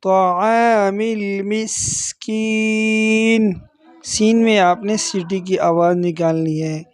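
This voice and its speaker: A man gives a recitation lesson, correcting common errors sternly and repeating himself for emphasis. He stretches each recited phrase out slowly to demonstrate it. The sound is dry and close, with no room around it. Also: high voice, darkish tone, no echo. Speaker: Quran recitation teacher.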